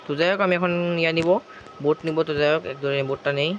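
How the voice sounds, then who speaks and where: A hoarse man with a Bangladeshi Bengali accent, rambling through casual gameplay commentary as a gaming YouTuber. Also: fairly high pitch, steady tone, racing, highs cut off, music in the background. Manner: rambling, chatty, keeps circling back with the same filler. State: hoarse from a cough.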